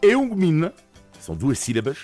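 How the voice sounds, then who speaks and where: A man's voice: fairly high pitch, wildly swooping pitch, a little slow, a little mellow, faint music behind. A man with a European Portuguese accent, hosting a radio sports segment in a playful, explanatory way.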